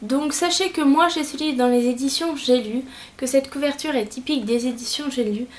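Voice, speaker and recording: A young woman giving a casual book review on her vlog, speaking hesitantly with frequent filler pauses. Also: high-pitched.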